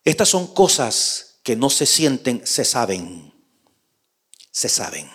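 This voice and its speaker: Male preacher, hushed to soaring. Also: medium pitch, big pitch swings, slow pace, husky. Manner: swings from hushed to loud emphatic preaching; addresses listener as brother. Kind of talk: sermon.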